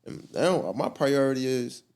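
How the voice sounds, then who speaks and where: A man's voice: medium pitch, measured pace, darkish tone. A young man speaking as a guest, telling his story in slangy, profane talk full of restarts. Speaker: guest artist. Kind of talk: candid storytelling interview.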